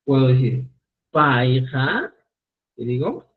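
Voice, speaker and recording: A man teaching a live online Quechua class, repeating phrases slowly for students. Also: medium pitch, big pitch swings, breathy edge. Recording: phone-like narrow sound.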